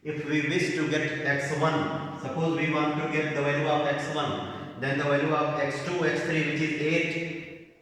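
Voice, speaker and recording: A man's voice: a little high, flat delivery, unhurried, fairly bright tone. A man with an Indian English accent teaching maths, dictating each coordinate and step aloud as he writes it out. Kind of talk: slow board-work lesson, dictating steps. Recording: echoey room, voice from a distance.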